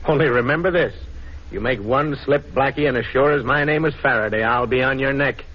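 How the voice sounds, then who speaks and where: Inspector Faraday, actor as husky gruff cop. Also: male voice, medium pitch, brisk, close to an everyday voice. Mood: threatening. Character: gruff, grudging male police inspector. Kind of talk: 1940s radio drama acting. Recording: muffled 1940s radio recording.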